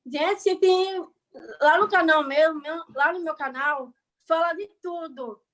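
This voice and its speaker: A woman from Bahia with a very high voice talks casually over a video call. She rambles and keeps checking that her listeners follow. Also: takes it slowly, a bit bright, low-quality recording. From Bahia, Brazil. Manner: chatty, rambling, keeps asking "entendeu?" and "sabe?". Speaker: guest speaker, online creator.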